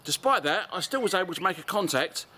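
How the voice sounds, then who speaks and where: His voice sits high and sounds sharp, animated, and fast-talking. He's an English-accented man in his forties hosting an amateur radio video, casually demonstrating gear in a garden and on a street, captured by a camera mic at arm's length or more amid outdoor noise.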